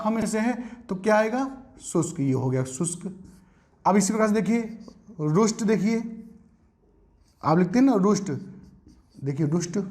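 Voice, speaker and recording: A man's voice: sits high, a little mellow. A man teaching an exam-prep Hindi spelling lesson, explaining patiently, repeating words and asking his students rhetorical questions.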